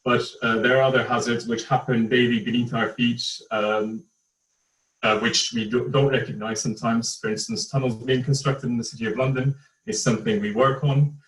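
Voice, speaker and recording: A man's voice: mid-range voice, fairly even intonation, normal speed, a bit bright. Hesitant man on a roomy, distant call. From Turkey. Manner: hesitant, many fillers and restarts. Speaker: engineer, panel speaker. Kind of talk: online presentation. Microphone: video call.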